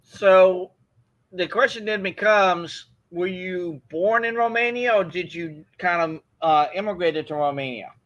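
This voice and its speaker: A man with a high, bright voice hosts the show and asks his guest curious questions. He comes through a video call, and the audio sounds dull and lo-fi. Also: measured pace. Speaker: host. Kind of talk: interview questions.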